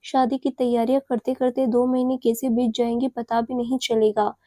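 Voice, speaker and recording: A woman's voice: on the high side, little pitch movement, moderate pace, mellow, no room sound, studio quality, close to an everyday voice. A woman voicing a kindly, amused middle-aged mother talking to her son and future daughter-in-law in an audio story. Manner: kindly, indulgent.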